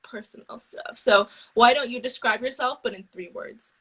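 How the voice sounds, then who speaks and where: A teenage girl hosting an interview over a video call, eager and gushing, quick to react to her guest. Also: a little high, bright, forceful tone, slightly rough, rough recording. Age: teens. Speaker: host, interviewer.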